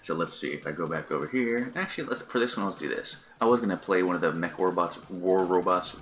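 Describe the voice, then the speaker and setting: A man's voice: low voice, quick pace, a bit bright. A middle-aged man chatting casually on a live stream, rambling with many fillers and restarts. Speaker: Twitch streamer.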